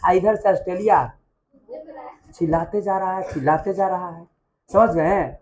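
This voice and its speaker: A man's voice: sits high, normal speed, a little hiss or hum. A man teaching history to a class, who keeps asking his students questions and having them answer back. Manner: lively, quizzes the class with call-and-response questions.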